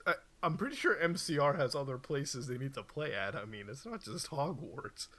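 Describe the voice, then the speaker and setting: A man's voice: medium pitch, lively intonation, normal speed, sharp tone. A young man doing a mocking dramatic reading, full of sarcastic, wry asides.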